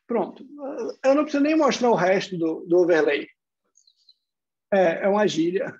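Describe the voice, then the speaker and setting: A man's voice: high-pitched, animated, normal speed, darkish tone, highs cut off. A man with a Brazilian Portuguese accent giving an online university lecture, explaining step by step and posing rhetorical questions.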